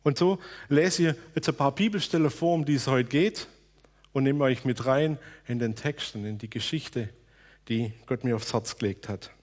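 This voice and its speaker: Husky-voiced man preaching earnestly. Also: mid-range voice, moderate pace, a little mellow. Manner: earnest, personal testimony. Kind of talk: sermon.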